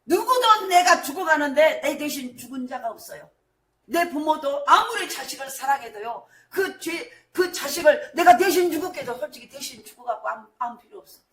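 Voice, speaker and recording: A high-pitched middle-aged woman pastor delivers an impassioned sermon, dropping to near-whispers and then rising to shouts. Her voice rings through a reverberant church hall. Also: animated, normal speed. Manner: impassioned preaching, swinging from hushed storytelling to shouted declarations. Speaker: senior pastor. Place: church sanctuary.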